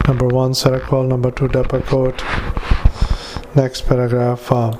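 Male clinician dictating to a recorder; very flat, halting, mid-pitched. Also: noisy background. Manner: halting, with many filler sounds and restarts. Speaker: clinician dictating a patient report. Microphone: handheld dictaphone.

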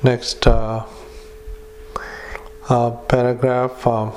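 Monotone male doctor on a dictaphone. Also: mid-range voice, a little hiss or hum. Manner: flat, halting dictation with many fillers, spells out names. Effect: dictaphone recording. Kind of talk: dictating a medical report into a dictaphone.

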